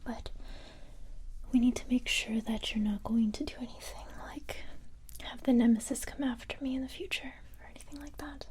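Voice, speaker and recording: Whispering breathily, a woman takes on the role of a calm, confident special-forces police recruiter for an ASMR roleplay, gentle, unhurried and matter-of-fact. She has a fairly high, natural-sounding voice, and the mood stays calm and businesslike.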